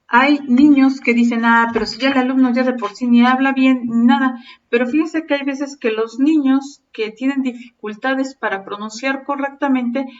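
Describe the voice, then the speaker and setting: Maestra mexicana explicando, algo lejana. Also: female voice, a little high. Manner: explanatory, frequent fillers and restarts. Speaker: teacher. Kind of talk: lecture to teacher trainees. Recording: distant muffled mic with faint ambient noise.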